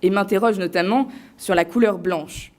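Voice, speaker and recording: Woman giving a playful, theatrical speech. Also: mid-range voice. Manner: theatrical, playful, with deliberate pauses. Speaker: eloquence contest finalist. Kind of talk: prepared competition speech. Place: on stage before a live audience.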